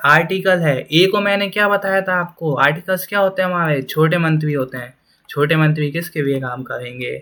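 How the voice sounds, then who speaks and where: A man teaching grammar in a classroom style. He keeps asking the class questions and answers them himself, and he reads the example sentences very slowly. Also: a little high, sharp tone.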